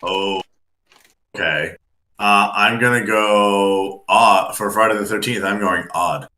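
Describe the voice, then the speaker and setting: A man's voice: fairly low pitch, fairly even intonation, slow, pushed and bright. A man playing a tabletop game, easygoing and a bit hesitant, with many fillers. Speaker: player. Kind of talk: casual game chat. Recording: echoey room.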